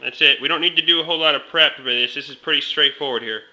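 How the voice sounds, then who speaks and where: A man's voice: a little high, very fast, sharp tone, a little hiss or hum, poor audio. A man bantering casually in slangy, teasing, giggly talk as he hosts a food dare.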